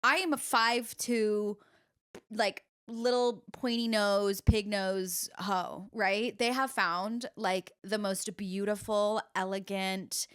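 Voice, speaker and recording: A woman's voice: mid-range voice, steady tone, slow pace, fairly bright tone, clear, resonant tone. A young woman, an actress, co-hosting a podcast and telling stories in casual chat, chatty and self-mocking.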